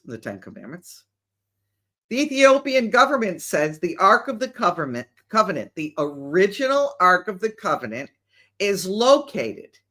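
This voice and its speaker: A woman's voice: lowish voice, bright, forceful tone. A woman hosting a casual solo podcast, talking animatedly and asking skeptical rhetorical questions. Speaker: show host.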